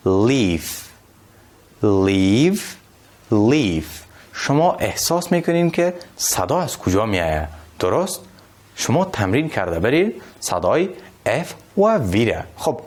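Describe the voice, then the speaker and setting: Lively man teaching English. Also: mid-range voice. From Afghanistan. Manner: slow, drawn-out delivery with Dari explanations. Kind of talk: bilingual classroom lesson.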